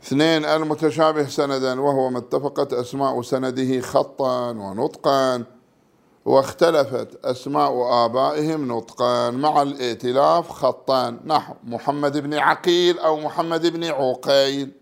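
Male religious studies teacher with a gravelly voice, reading and explaining a textbook point by point. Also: medium pitch, steady tone. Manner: measured, reads numbered terms then explains them.

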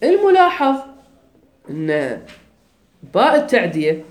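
Here a grammar teacher speaking with a Kuwaiti Arabic accent explains things stepwise and keeps checking comprehension. He has a high voice whose pitch swoops wildly, and the classroom sounds echoey.

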